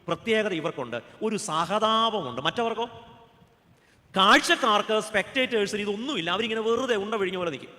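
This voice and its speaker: A man's voice: sits high, bright, forceful tone, big-room sound. A man, a pastor with a Keralan accent, giving a humorous sermon, joking and asking the audience questions. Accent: Keralan Malayalam.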